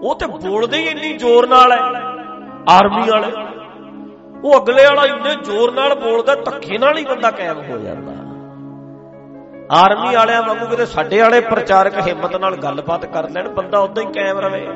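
A man preaching a sermon, emphatic and humorous, swinging from loud declarations to soft asides. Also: high-pitched, moderate pace. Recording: muffled with music behind.

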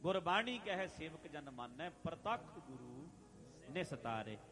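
A man preaching a religious sermon, addressing listeners directly, repeating phrases and chanting scripture lines slowly. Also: on the high side, very animated. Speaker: Sikh preacher.

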